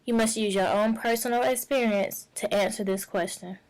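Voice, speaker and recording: A woman teacher giving instructional narration in a clear, measured way. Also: on the high side, fairly even intonation, poor audio.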